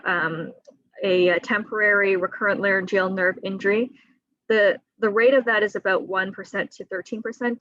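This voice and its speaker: A woman surgeon on a video call, explaining surgery risks to patients in a clear, teaching manner with a few fillers. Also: mid-range voice, a bit bright, no echo, muffled recording. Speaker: thyroid surgeon. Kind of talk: patient education talk. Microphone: computer mic on a video call.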